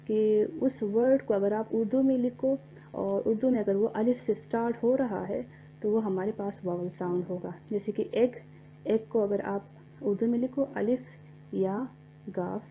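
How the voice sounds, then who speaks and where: A woman teaching an English grammar lesson, explaining step by step and spelling words out letter by letter, reading English examples slowly. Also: mid-range voice. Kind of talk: recorded classroom lecture. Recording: dull lo-fi recording with faint hum.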